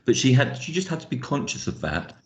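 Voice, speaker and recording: A man with a received pronunciation accent leads an online phonics teaching session, speaking earnestly and haltingly, often repeating words. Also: medium pitch, very animated. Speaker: phonics trainer. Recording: echoey, dull lo-fi call audio.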